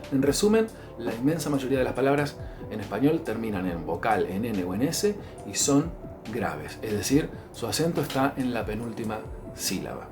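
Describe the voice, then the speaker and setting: A man with an Argentine accent teaching a grammar lesson. He lists example words one after another and keeps checking in with a quick "¿sí?". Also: medium pitch, a little mellow. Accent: Argentine Spanish. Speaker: language teacher.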